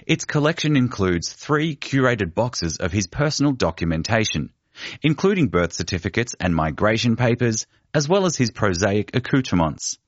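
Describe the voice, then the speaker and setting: A man narrates a written feature in a measured, deliberate way, his low voice rising and falling widely. The recording is dry and close, with a slightly dull, muffled tone. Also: very animated, no room sound. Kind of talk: scripted narration of a feature article. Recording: dull, muffled studio read.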